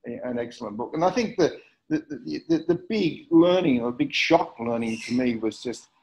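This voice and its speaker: Speaking at a moderate pace with an animated, darkish-toned voice of medium pitch, this middle-aged Australian man presents a community history talk alongside slides. He's hesitant, leaning on fillers and repeating words, captured on a dull lo-fi recording.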